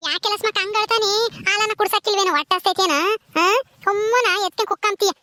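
A woman's voice: very high-pitched, fast talker, pushed and bright, no echo, clean studio sound, voice pushed up. A woman playing a bossy, superstitious old village grandmother in a comedy skit, with a lecturing, scolding manner.

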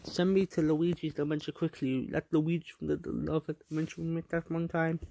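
A fan movie creator voicing every character in an amateur fan film, switching voices and jumping up into squeaky highs. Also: fairly even intonation, brisk, vocal fry, warm tone, slight background noise.

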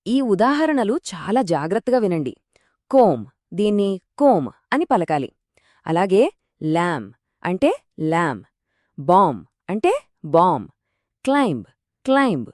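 Woman cohost giving pronunciation tips, super expressive pitch, dry sound, no room. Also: measured pace, pauses often, no echo. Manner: encouraging, stresses tips and common mistakes. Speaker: pronunciation co-teacher. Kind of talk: scripted explanatory lesson.

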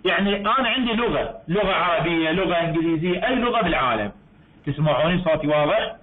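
A man's voice: fairly high pitch, lively intonation, a crowd in the background. Iraqi man teaching over a tinny call. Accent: Iraqi Arabic. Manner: explaining slowly with repeats and self-corrections. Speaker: university English teacher. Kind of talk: online lecture. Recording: tinny online-call audio.

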